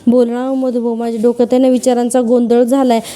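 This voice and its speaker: A woman's voice: on the high side, flat delivery, fast, dark tone, lightly acted. A woman voicing a tearful young woman who pleads insistently for an answer. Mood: pleading.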